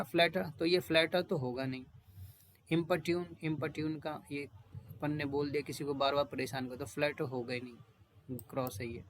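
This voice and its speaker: A man teaching English vocabulary in Hindi, repeating each word again and again and reading definitions slowly, with homely asides to his students. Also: fairly high pitch. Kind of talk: explaining vocabulary and drilling pronunciation.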